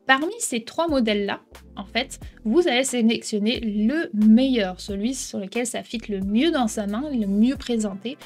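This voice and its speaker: Chatty woman walking through a tutorial. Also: a little high. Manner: chatty, explains step by step, keeps asking "d'accord?". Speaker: software tutorial host. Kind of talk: casual screen-recording tutorial.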